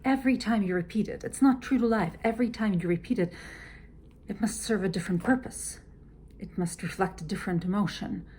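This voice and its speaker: A woman who is an opera singer, explaining how she works through a scene in a measured, teacherly way, often dropping to a soft near-whisper. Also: mid-range voice, slight background noise. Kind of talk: teaching walkthrough.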